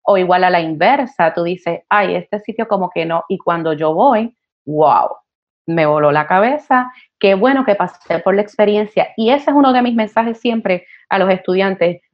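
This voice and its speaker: A woman, a counselor talking as a podcast guest, passionate and animated, with many fillers. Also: fairly low pitch. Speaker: guest, college admissions counselor. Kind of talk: conversational podcast interview. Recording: slightly dull podcast audio.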